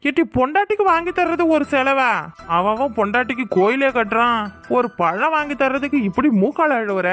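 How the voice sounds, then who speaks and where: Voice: sits high, lively intonation, a little fast, fairly bright tone, faint music behind. A voice actor playing a boastful, playful young husband in a cartoon, bragging and joking with his wife. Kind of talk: cartoon voice acting.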